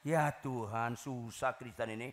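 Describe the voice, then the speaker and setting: A male pastor preaching a sermon to a congregation in a lively, teasing way, often shouting the punchlines. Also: medium pitch, measured pace. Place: church hall.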